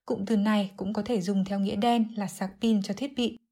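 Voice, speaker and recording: A woman giving an English vocabulary lesson, explaining clearly and methodically, word by word. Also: medium pitch, steady tone, moderate pace, warm tone. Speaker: English teacher.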